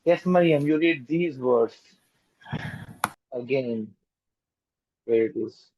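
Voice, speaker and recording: A man's voice: mid-range voice, slow, slightly rough, no echo. A man teaching a children's language lesson, patiently repeating words and correcting pronunciation. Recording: dull lo-fi dry recording.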